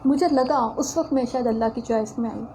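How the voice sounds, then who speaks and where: A high, mellow-toned woman gives a religious lecture. She tells stories from her own life in an earnest way and keeps turning to her audience as she speaks. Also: a little hiss or hum, poor audio. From Pakistan. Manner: earnest, storytelling, addresses listeners directly. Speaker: religious teacher. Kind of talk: religious lecture with personal anecdote.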